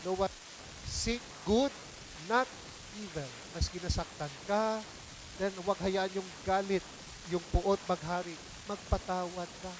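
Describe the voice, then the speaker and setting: Filipino priest man giving a homily, kinda high voice, chatty, lots of hiss on the recording. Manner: conversational, mixing languages, asks the congregation questions. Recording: hissy noisy recording.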